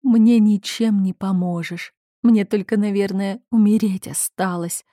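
A woman's voice: mid-range voice, fairly even intonation, mellow, no room sound, studio quality, natural voice. A woman voicing a hysterical, melancholy young noblewoman who sobs and lashes out. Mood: distraught. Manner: sobbing, drawn-out, raised outbursts.

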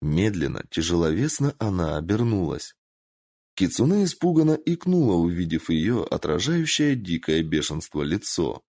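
A man narrating a story aloud with an animated, dramatic delivery. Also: low-pitched, moderate pace, dry recording. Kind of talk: expressive story reading.

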